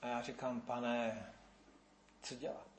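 A man preaches a lively sermon. He drops to a hush, then rises again, and acts out the voices of the people he quotes. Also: mid-range voice, noisy background. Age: 50s.

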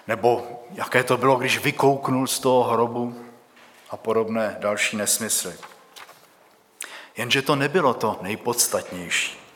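Guy reading scripture then preaching, slow and deliberate, big echoey church sound. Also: mid-range voice, a bit bright.

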